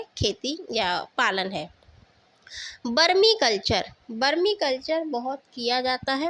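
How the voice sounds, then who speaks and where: A woman's voice: high-pitched, a bit bright. A woman teaching an exam-prep lesson with memory tricks, explaining patiently with fillers and questions to the viewer, and words spoken.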